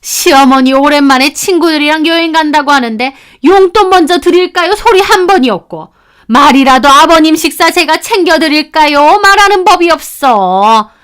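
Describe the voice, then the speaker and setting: A demanding, sharp-tongued middle-aged mother-in-law, played by a woman narrator scolds at a high, raised pitch. She is bossy and never lets up. This is for an audio family drama story. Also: animated, normal speed. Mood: scolding.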